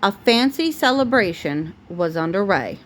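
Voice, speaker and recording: In a home recording with clear background noise, a woman reads a storybook aloud the way a mother would for her young child, pausing to answer the child patiently. Her mid-range voice is sing-song and moves at normal speed.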